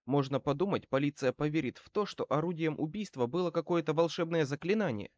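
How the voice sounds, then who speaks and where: A man's voice: a little high, quick pace, darkish tone, dry recording, clean studio sound, voice pushed up, lightly acted. Man putting on a sneering brassy woman crook. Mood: sneering, defiant. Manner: sneering, snappy retorts. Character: middle-aged female small-time crook, brassy and defiant.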